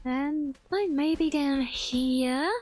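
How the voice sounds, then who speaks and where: A woman's voice: high voice, drawn-out words, darkish tone. A woman giving casual, rambling game commentary, thinking aloud as a streamer.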